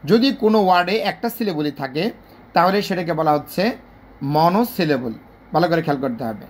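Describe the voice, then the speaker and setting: An English teacher with a Bangladeshi Bengali accent gives a spoken video lesson in a mid-range voice with lively intonation, with a little hiss or hum in the audio. The teacher is patient, repeats points, and stretches example words out slowly, syllable by syllable.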